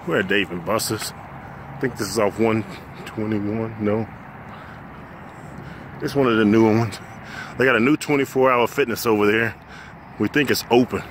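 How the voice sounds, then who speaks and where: A man's voice: lowish voice, normal speed, pauses often. A man casually narrating a vlog while filming on a handheld phone in an arcade. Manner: relaxed, colloquial talk. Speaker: vlogger. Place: noisy arcade and restaurant. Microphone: handheld phone camera. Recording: loud arcade noise behind.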